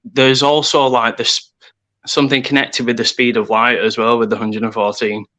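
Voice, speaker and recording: Guy, 30s, pretty monotone but bright voice, rambles on about number stuff. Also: mid-range voice, moderate pace, poor audio. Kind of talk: casual chat.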